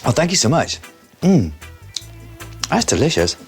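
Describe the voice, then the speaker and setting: A man's voice: a little high, very animated, unhurried, over music. A man presenting on location, chatting curiously with a barista in a coffee shop. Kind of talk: on-location interview.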